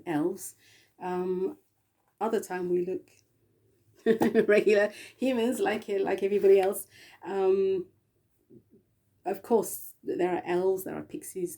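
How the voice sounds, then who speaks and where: An English woman speaking in a slow, meandering spiritual monologue, often spelling out letters and pausing with little laughs. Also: fairly low pitch, creaky, dark tone, breathy edge. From England.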